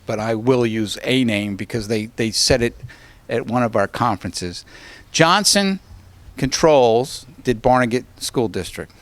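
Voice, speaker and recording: A man speaking at a school board meeting, talking the members through examples in a plain, conversational manner. He keeps pausing to check that they follow him with a quick "okay?". His voice sits at an ordinary middle pitch. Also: dry recording. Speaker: energy consultant advising a school board. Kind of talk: explaining at a public board meeting.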